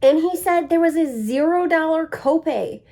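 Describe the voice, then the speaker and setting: A young woman chatting excitedly in a casual vlog, shaky with nerves and full of fillers. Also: very high-pitched, moderate pace, creaky. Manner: excited, breathless, many "like" fillers. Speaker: vlogger.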